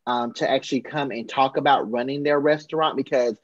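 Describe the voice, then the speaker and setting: A man teacher in a book club discussion, telling stories in an animated way. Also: medium pitch, fairly quick, dry recording, muffled recording. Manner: animated storyteller.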